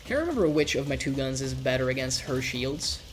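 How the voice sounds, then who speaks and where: A man's voice: mid-range voice, fairly quick, soft background music. Nasal male streamer with a cold. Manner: rambling, relaxed, swears casually. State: congested from a cold. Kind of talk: casual gameplay commentary.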